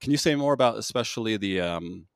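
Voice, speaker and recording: An American podcast host chats in a casual interview, loose and rambling with many restarts and fillers. His fairly low voice is animated, fast and creaky, recorded in studio quality with no room sound.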